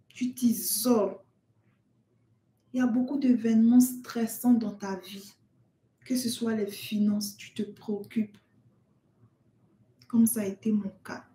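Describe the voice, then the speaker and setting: A woman's voice: medium pitch, mellow, roomy sound. A woman vlogger giving earnest, direct advice to new mothers, talking straight to the listener. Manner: earnest, addresses the listener as "tu" and "maman". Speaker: parenting vlogger. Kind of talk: direct-to-camera advice talk.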